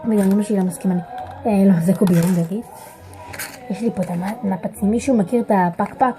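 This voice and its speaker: Excitable teen girl vlogging in her bedroom, warm voice, lots of uh and restarts. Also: mid-range voice, soft background music. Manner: chatty, searches for words, excitable. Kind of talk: casual home video chat. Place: home bedroom.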